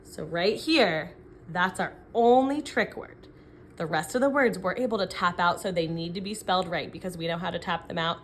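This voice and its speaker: An elementary phonics teacher, a woman with a fairly low-pitched voice, dictates sentences one word at a time, deliberately sounding out letters and syllables and pausing to check in with questions. A slight hiss or hum sits under the recording.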